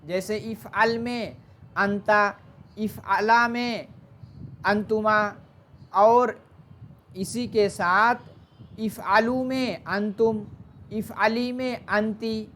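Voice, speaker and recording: A teacher giving an online Arabic grammar lesson, explaining slowly, mixing in English terms, and asking the class questions before answering them. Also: mid-range voice, steady tone, a bit bright, a little hiss or hum.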